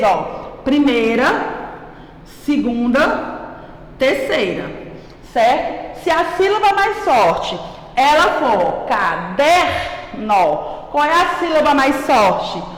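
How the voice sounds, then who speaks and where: A woman teacher with a Brazilian accent giving a patient grammar lesson to children, checking in with "right?" as she goes. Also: high voice. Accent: Brazilian Portuguese. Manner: slow, patient, calls herself "a tia", checks with "certo?". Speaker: primary school teacher. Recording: echoey room with long reverb.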